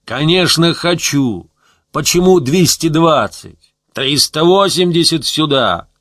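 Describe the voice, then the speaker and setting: A man voicing a tortured male captive who shouts back in manic defiance. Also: lowish voice, animated, extremely slow, no echo, clean studio sound, heavily acted. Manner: shouting wildly, mocking.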